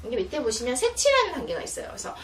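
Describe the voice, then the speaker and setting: A woman with a high voice, huge pitch swings and a rapid-fire delivery explains teaching materials to parents the way an educator would, informally and patiently, step by step. She acts out mother-child example dialogue, recorded by a roomy, distant mic with faint noise.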